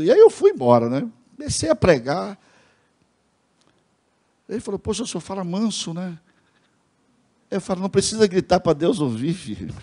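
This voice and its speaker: A Brazilian man preaching a sermon as pastor, telling a story and mimicking the people in it. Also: fairly high pitch. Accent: Brazilian Portuguese. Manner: lively storyteller, mimics voices in quotes, addresses congregation as brothers.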